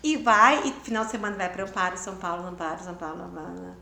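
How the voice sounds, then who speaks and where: A woman around fifty with a Brazilian Portuguese accent, a guest in an interview who tells her story in a casual, animated way and acts out the dialogue. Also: lowish voice, fast talker, gravelly. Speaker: interview guest, writer and lawyer. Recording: roomy echo.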